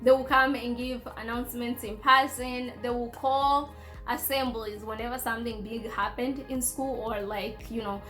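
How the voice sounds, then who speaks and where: A woman's voice: a little high, fairly even intonation, moderate pace, bright, forceful tone, soft background music. A young woman from Congo chatting informally and telling personal stories with playful asides. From Congo, schooled in Kenya. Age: young adult. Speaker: vlogger sharing personal experiences. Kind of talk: casual storytelling chat.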